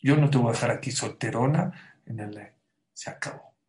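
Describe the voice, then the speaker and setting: A man voicing a stern father king who lays down a final decision in a quiet, firm voice. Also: mid-range voice, normal speed, close to an everyday voice.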